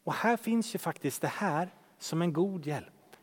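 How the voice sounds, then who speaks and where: A man preaching a sermon as pastor, earnest, swinging from loud emphasis to hushed softness. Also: on the high side, lively intonation, husky, big-room sound. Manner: earnest, shifting between loud emphasis and hushed soft speech.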